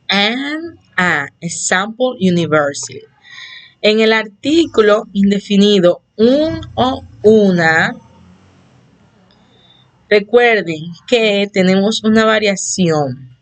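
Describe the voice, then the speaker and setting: Woman teacher going real slow through english basics, patient, repeats every example, spanish is her first language. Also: medium pitch. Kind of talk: slow explanatory online lesson.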